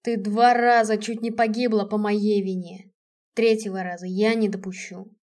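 A woman's voice: medium pitch, flat delivery, moderate pace, darkish tone, natural voice. A woman voicing a cold, stern dead male general who speaks harshly and curtly. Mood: grim. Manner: harsh, clipped, curt.

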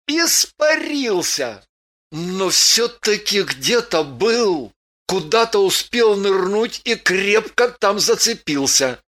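A woman's voice: medium pitch, fairly bright tone, exaggerated voice. Woman doing an earnest young warrior pilot. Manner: earnest, questioning. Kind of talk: audiobook character reading.

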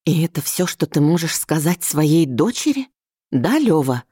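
A woman voicing a distraught middle-aged mother who pleads and reproaches in a shrill, wailing voice. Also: sing-song, normal speed, mellow, husky, dry recording, clean studio sound, exaggerated voice. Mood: tragic.

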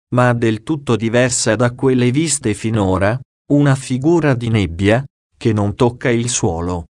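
A man reading a diary aloud as an audiobook, slow, measured and solemn. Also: mid-range voice, darkish tone, no room sound, clean studio sound. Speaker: audiobook reader.

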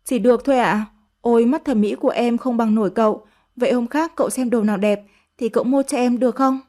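A woman voicing a flattering teenage maid. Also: on the high side, quick pace, close to an everyday voice. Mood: coaxing. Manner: coaxing, sugary flattery. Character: fawning teenage servant girl, sweet-talking.

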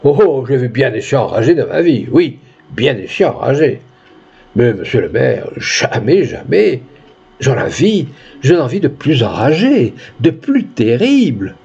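A man's voice: big pitch swings, measured pace, gravelly, a little mellow, slightly rough, lo-fi sound, heavily acted. A man doing Monsieur Bernard, a panicky pompous notary. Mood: indignant. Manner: shrill, panicky outbursts and solemn threats. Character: cowardly pompous male small-town notary, excitable.

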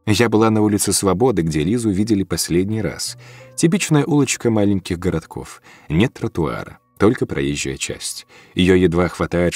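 A man narrating a story in a calm, measured audiobook reading. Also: low voice, dry recording. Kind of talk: scripted first-person narration.

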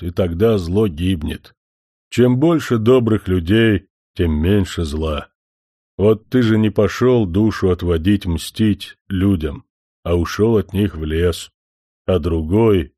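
A man voicing a young male forest spirit who speaks slowly and solemnly, a little louder than his narration. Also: on the low side, no echo, clean studio sound. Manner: slow, deliberate, solemn.

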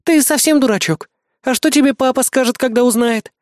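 A man's voice: very high voice, a little fast, no room sound, studio quality, pitched above the performer's own voice. A male audiobook reader voicing a fussy young noblewoman who scolds and fusses. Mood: scolding. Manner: scolding, fussing. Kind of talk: audiobook character voice.

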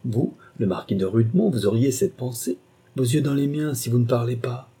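A man's voice: mid-range voice, moderate pace, mellow, breathy edge, pitched above the performer's own voice. A man reading a passionate young woman governess in an audiobook, impassioned and pleading. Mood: anguished.

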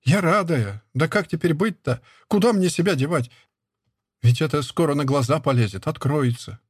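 A man's voice: a little high, normal speed, slightly rough, dry recording, studio quality, voice pushed up. A man reading a young village wife who pleads and frets in a raised, plaintive voice. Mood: pleading. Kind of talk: audiobook character reading.

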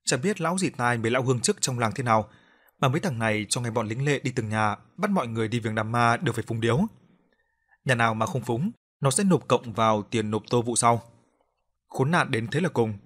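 A man narrating a horror audiobook in a steady storytelling read. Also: mid-range voice, brisk.

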